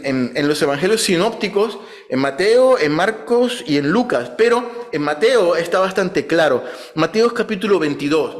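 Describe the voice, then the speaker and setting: Animated preacher, a man with a higher voice. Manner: teaching, recaps scripture references, asks the congregation questions; acts out biblical speakers with raised, lively voice. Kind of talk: Sunday sermon. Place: church.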